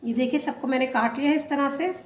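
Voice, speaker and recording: A woman's voice: high-pitched, fast, echoey room. A woman hosting a cooking channel, chatting her way step by step through a home recipe. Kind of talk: casual recipe voice-over. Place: home kitchen.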